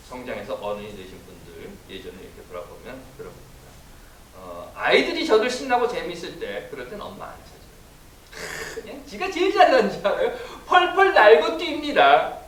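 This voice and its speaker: A man preaching a sermon as pastor, telling the story in an animated way and acting out cries and inner thoughts. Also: mid-range voice. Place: church sanctuary. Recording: echoey church room, mic from a distance, faint hiss.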